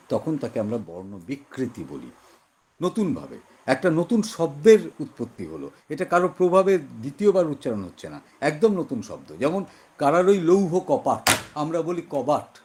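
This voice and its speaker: A man's voice: fairly high pitch, a little mellow, slight background noise. A male teacher giving an exam-prep lesson in a West Bengal Bengali accent, explaining patiently and repeating example words to show how they are said.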